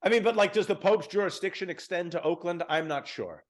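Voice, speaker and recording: A man's voice: high voice, brisk. A man in his thirties co-hosting a music podcast, chatting casually with many fillers and self-deprecating asides. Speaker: podcast co-host. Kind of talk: casual chat.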